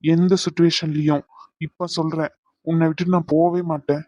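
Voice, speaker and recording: A woman's voice: low voice, level tone, normal speed, mellow, dry recording, muffled recording. A woman voicing a young man in an audio drama romance, teasing and coaxing his girlfriend. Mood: affectionate teasing.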